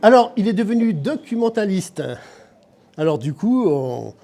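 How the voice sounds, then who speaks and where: A man with a high voice delivers a joking birthday speech to a family gathering. He talks in an unhurried way, lands one pun after another, and chuckles at his own gags. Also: big pitch swings, warm tone. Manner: wordplay jokes, chuckling at his own puns. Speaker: guest giving a birthday speech. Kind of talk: comic party speech with a pretend phone call.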